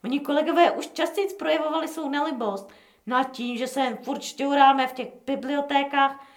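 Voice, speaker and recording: A woman's voice: sits high, reverberant, pitched above the performer's own voice, natural voice. A woman voicing an older male gang elder who talks bluntly and insistently in colloquial speech in a storybook reading. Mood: demanding.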